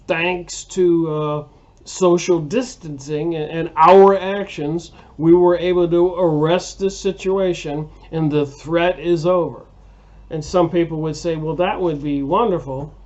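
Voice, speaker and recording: A man's voice: fairly high pitch, darkish tone, muffled recording. A man hosting a casual book review monologue, rambling and hesitant with many fillers and restarts. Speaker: video host reviewing books.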